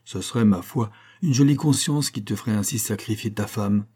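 Storybook role: man reading a cutting older man, low dark voice, sarcastic. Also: moderate pace, husky. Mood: bitter. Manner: sarcastic, lecturing. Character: old man Liénard, bitter and cutting.

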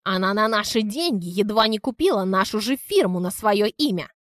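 A woman's voice: mid-range voice, lively intonation, moderate pace, fairly bright tone, no room sound, studio quality, close to an everyday voice. A woman reading an audiobook, voicing an enraged older wife who screams insults. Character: furious older woman, shrill, hot-tempered.

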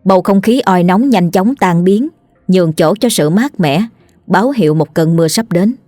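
A woman reads a horror story aloud in a fairly low, steady voice. The sound is dry and close, and soft music plays under her narration. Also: normal speed, no room sound. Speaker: audiobook narrator.

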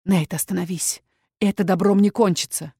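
A woman's voice: lowish voice, steady tone, normal speed, mellow, slightly rough, dry recording. Woman voicing young heroine in danger, pleading and alarmed, storybook read, dry booth. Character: frightened young woman, dragoness shifter. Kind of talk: audiobook character voice.

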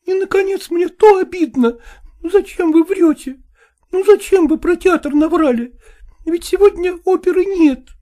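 A man's voice: very high voice, measured pace, warm tone, voice pushed up. A man voicing a jealous, tearful woman who presses her lover with reproachful questions, reading an audiobook.

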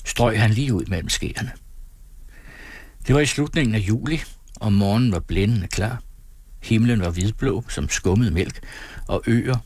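A man reading a novel aloud as an audiobook narrator, in a measured storytelling manner. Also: lowish voice, dry recording. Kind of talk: scripted narration.

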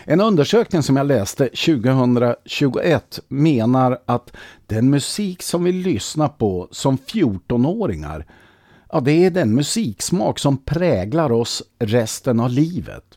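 Wry older man with a lively voice. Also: mid-range voice, no echo, clean studio sound. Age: 60s. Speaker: radio show host. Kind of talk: casual radio show talk.

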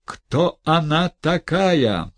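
A man voicing an imperious aging noblewoman who scolds in shrill outbursts and hissed whispers. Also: moderate pace, gravelly, darkish tone, breathy edge, no room sound. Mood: furious. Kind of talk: audiobook character reading.

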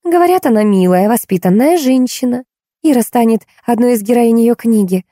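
A woman reading the lines of a weary middle-aged woman who patiently calms her quarrelsome companion, in an audiobook. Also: on the high side, moderate pace, no room sound, clean studio sound, voice pushed up, close to an everyday voice. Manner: patient, then exasperated.

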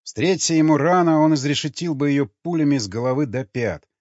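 A man narrating an audiobook in a steady, measured reading voice. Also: on the high side, no echo. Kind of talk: scripted narration. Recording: dry, slightly dull recording.

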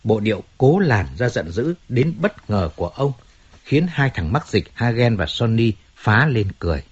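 A man narrating a novel as an audiobook, in a steady, measured way. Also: medium pitch, breathy edge, dull audio.

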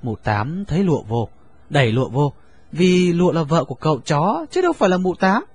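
Lively, husky male storyteller. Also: on the high side, a little fast. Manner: expressive, lively reading. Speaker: narrator. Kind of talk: storytelling narration.

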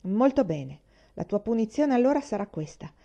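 A woman's voice: on the high side, very animated, normal speed, gravelly, mellow, muffled recording, exaggerated voice. A woman reading aloud, voicing a bossy older boy who hands down judgments in a sententious, lecturing way. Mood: stern. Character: bossy older boy, stern self-appointed judge.

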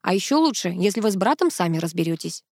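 A woman reading the part of a self-assured businesswoman and mother in an audiobook, with a brisk, matter-of-fact delivery. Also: medium pitch, big pitch swings, darkish tone, no echo, studio quality. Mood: scolding.

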